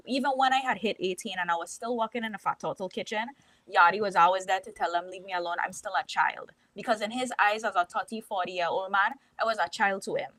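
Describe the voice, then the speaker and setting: Young woman, podcast co-host, earnest opinionated storyteller, bright tone, dry mic. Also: mid-range voice, dry recording. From Caribbean. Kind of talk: casual podcast discussion.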